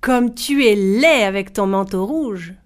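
Woman narrator as cheeky young male forest spirit, loud mocker; storybook. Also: medium pitch, takes it slowly, natural voice. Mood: mocking. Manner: mocking, loud.

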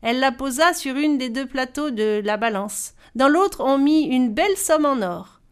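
A woman reading a fairy tale aloud as storyteller, expressive and varied in delivery. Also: high voice, moderate pace, clear, resonant tone.

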